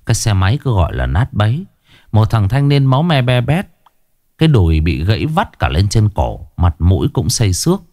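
A man tells a ghost story aloud in an expressive storytelling voice. His pitch moves widely as he narrates. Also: a little fast, no echo, studio quality.

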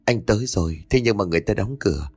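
A man's voice: on the low side, expressive, fast talker, husky, no room sound. A man doing a brusque, evasive young husband. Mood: placating. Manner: dismissive, evasive.

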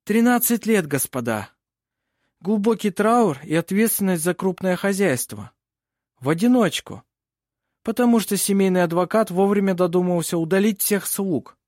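A man's voice: high voice, expressive, moderate pace, a little mellow, no echo, clean studio sound, pitched above the performer's own voice. A man playing a bold, commanding lawyer who declaims to the court. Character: forceful male lawyer, bold courtroom orator.

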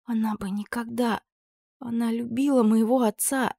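A woman's voice: a little high, fairly even intonation, moderate pace, creaky, warm tone, voice pushed up. A woman voicing a frightened but defiant young woman heroine who protests in tense, breathless bursts.

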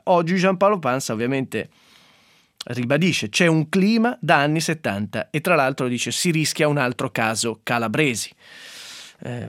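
A man's voice: mid-range voice, a bit bright, no echo, clean studio sound. A man hosting a radio press review, reading newspaper quotes in a conversational way with asides and fillers. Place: radio studio.

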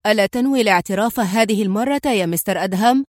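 A woman reading an angry, chain-smoking male police inspector in an audiobook, with a sharp, scolding manner. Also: high voice, quick pace, no room sound, studio quality, close to an everyday voice. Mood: irritable.

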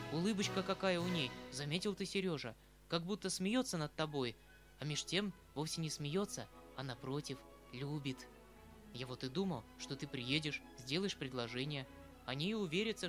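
A man's voice: on the high side, lightly acted. A man reading the part of a tender, fretful aging uncle, a retired colonel, who talks in an emotional, rambling, pleading way. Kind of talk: audiobook reading of a classic novel. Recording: faint background music.

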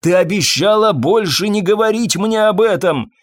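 Усталый, робкий официант средних лет, которого играет мужчина говорит медленно, надломленно и виновато. Голос живо меняет интонацию. Звук сухой и близкий, как в аудиокниге. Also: male voice, mid-range voice, very animated, no echo. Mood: pleading. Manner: slow, weary, pleading speech. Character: tired, timid, guilt-ridden middle-aged waiter.

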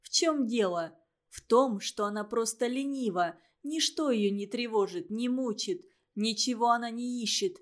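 A woman reading a novel aloud, voicing a stern, sharp-tongued young woman who lectures her friends harshly. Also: fairly high pitch, normal speed, close to an everyday voice. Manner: harsh, cutting, emphatic.

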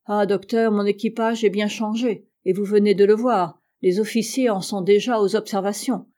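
A woman's voice: medium pitch, fairly even intonation, moderate pace, dark tone, close to an everyday voice. A woman reading the lines of a proud, stern male ship captain in an audiobook, curt and severe. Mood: stern, bitter.

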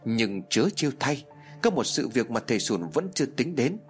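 A man narrating a horror story with dramatic, lively delivery. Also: medium pitch, normal speed, soft background music.

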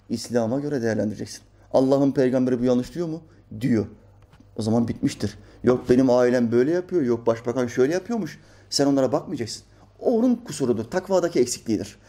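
A man's voice: mid-range voice, mellow. A man reading out a news article and rebutting it in an emphatic, preacherly commentary full of rhetorical questions. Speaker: religious commentator.

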